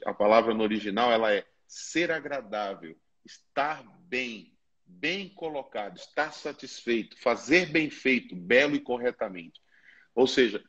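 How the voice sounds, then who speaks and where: A man, a pastor and musician, teaches through a conversation, laying out his points one by one. His voice is husky and sits at a middle pitch. The audio is slightly dull and lo-fi. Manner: earnest, explaining step by step.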